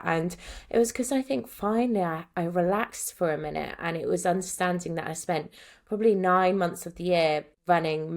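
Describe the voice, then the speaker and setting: A woman's voice: lowish voice, vocal fry. A woman in her thirties hosting a solo podcast, talking chattily and self-deprecatingly and laughing often as she gets emotional. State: getting emotional. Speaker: podcast host.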